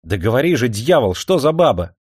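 A man's voice: mid-range voice, very animated, a little fast, a little mellow, breathy edge, dry recording, clean studio sound, pitched above the performer's own voice. A man voicing an impatient, lovesick young landowner who keeps exclaiming. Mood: excited. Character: boisterous young male landowner, lovesick and spoiled. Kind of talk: audiobook character voice.

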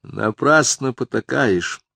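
A man's voice: fairly low pitch, very animated, takes it slowly, creaky, no echo, full character voice. A man voicing a moody middle-aged woman fortune teller who gives clipped, ominous card readings.

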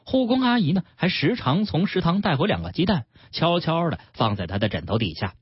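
A man, hosting a radio health show and reading a story aloud with calm, expressive storytelling. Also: fairly high pitch, fairly quick, husky, no echo. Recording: dull radio broadcast.

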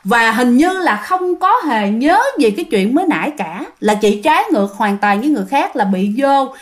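With a Southern Vietnamese accent, a woman tells a ghost story in a chatty, drawn-out manner, frequently speaking directly to her listeners. Her voice is on the high side and animated.

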